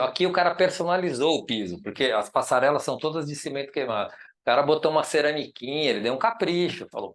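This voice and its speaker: A man's voice: medium pitch, fairly bright tone. A man with a Brazilian Portuguese accent, an architect giving a chatty, enthusiastic informal lecture over slides, often checking in with the audience. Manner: chatty and enthusiastic, many tag questions. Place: lecture room.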